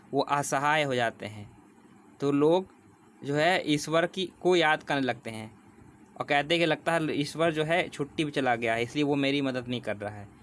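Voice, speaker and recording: A man teaching English vocabulary for exams, explaining patiently and reading definitions slowly word by word. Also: a little high, a bit bright, a little hiss or hum. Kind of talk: exam prep vocabulary lesson.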